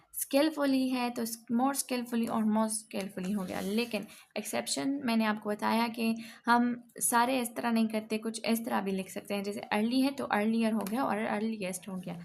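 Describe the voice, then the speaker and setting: Gravelly-voiced woman teaching grammar. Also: a little high, slight background noise. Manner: patient, repeats "sahi hai", corrects herself often. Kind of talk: explaining grammar to beginners.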